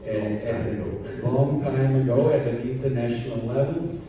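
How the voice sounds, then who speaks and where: A man moderating a conference and introducing the next speaker, halting often on uh. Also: mid-range voice, dark tone, slight background noise. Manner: halting, with many uh fillers. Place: large conference hall. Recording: echoey hall from far off.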